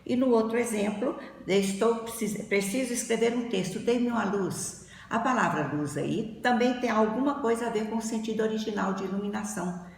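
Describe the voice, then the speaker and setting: A woman's voice: a little high, normal speed, creaky, a little mellow. A woman giving a grammar lesson, explaining methodically step by step with examples. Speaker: teacher. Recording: very echoey hall with faint noise.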